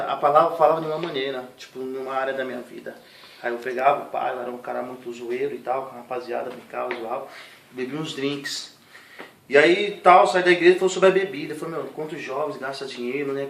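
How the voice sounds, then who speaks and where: A young man giving an animated, slangy spoken testimony in a church setting. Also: medium pitch. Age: young adult. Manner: slangy, animated storytelling with voiced impressions. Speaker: testimony giver. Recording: echoey room, distant mic, noisy.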